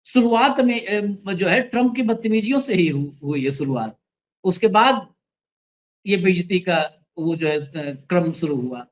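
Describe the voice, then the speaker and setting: A man's voice: sits high, expressive, unhurried, poor audio. A man hosting an opinionated news commentary show, speaking in a sarcastic, emphatic way and directing the crew to roll clips.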